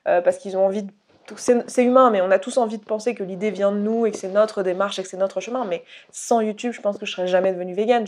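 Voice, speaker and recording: A young woman from Haute-Savoie chats straight to camera in a relaxed vlog. She talks candidly and loosely, restarting sentences and leaning on fillers. Her voice sits in an ordinary middle pitch. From Haute-Savoie, France. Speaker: YouTuber. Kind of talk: casual vlog monologue.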